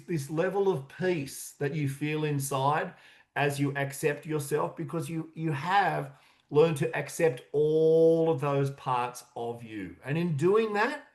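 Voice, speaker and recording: A man giving a motivational coaching talk on self-acceptance, earnest and emphatic, repeating key questions for effect. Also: on the high side. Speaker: confidence coach.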